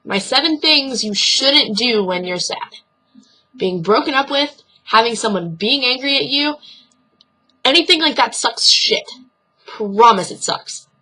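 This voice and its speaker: A woman's voice: fairly high pitch, expressive, measured pace, bright, forceful tone, low-quality recording. A young woman vlogging casual advice, blunt and earnest, swearing freely as she talks straight to the viewer.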